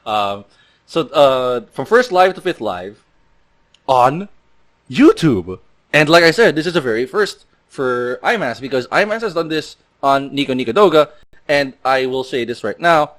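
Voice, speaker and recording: Podcast host, male, mid-pitched, casual and rambling, full of fillers and restarts. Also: animated, a little slow, fairly bright tone. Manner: rambling, loose delivery with many fillers and restarts.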